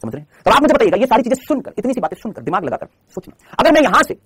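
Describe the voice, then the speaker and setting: Rapid, animated man teaching a class. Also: very high-pitched, slightly rough, no echo. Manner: asks questions and answers them himself; fast, repetitive, coaching tone. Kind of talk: classroom lecture.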